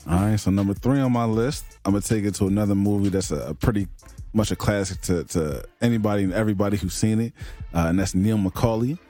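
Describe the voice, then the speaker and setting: A man's voice: lowish voice, quick pace, mellow, soft background music. A man co-hosting a casual podcast, running down his top five villains in a laid-back, drawling way. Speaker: podcast co-host.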